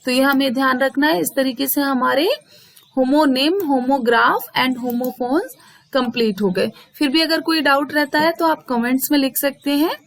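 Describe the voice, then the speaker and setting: High-voiced woman teacher. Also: gravelly. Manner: mixes Hindi and English, reads English definitions slowly. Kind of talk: explaining a school English lesson.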